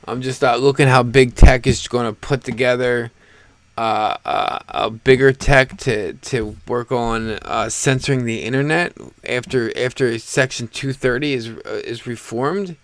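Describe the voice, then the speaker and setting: A man from the United States hosting a live stream, talking in a relaxed, halting, rambling way about the news. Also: medium pitch, dry recording. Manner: laid-back, halting and rambling. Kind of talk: casual political chat.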